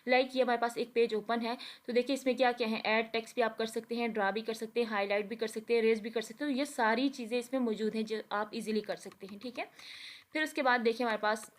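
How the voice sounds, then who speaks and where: A woman giving a recorded lecture over a shared page. She explains step by step, often checking with "theek hai", and reads English lines slowly word by word. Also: fairly high pitch, fairly even intonation. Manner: explains with repeated "theek hai" and Urdu-leaning words.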